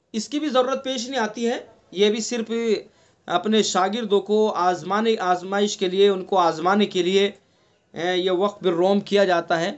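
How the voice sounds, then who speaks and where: High-voiced man teaching Quran recitation. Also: lo-fi sound. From India. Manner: explains slowly, repeats terms, quizzes students with questions. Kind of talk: online tajweed class. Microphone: online class recording.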